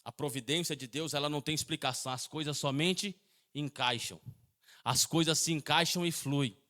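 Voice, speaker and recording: A man's voice: a little high, normal speed, pushed and bright. A man preaching a sermon in church, telling stories and dramatizing the voices in them. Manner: storytelling preaching, dramatizing quoted voices, sometimes singsong. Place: church sanctuary.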